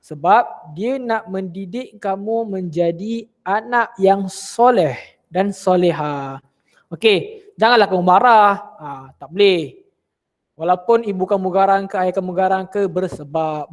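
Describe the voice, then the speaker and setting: A man with a Malaysian Malay accent teaching children religion in an online class, lively and full of questions for his pupils. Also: high voice.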